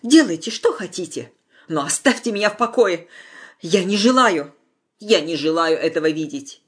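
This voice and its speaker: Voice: medium pitch, expressive, moderate pace, husky. A reader voicing a spirited young bride who pleads and protests urgently, in a storybook reading. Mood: urgent, pleading.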